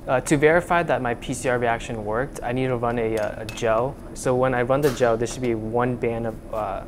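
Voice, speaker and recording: A young undergraduate researcher from Vietnam gives a casual explanation of his lab work, talking a little fast with fairly even intonation in a mid-range voice. His lapel mic in the indoor university lab picks up background noise, and he often uses fillers and restarts.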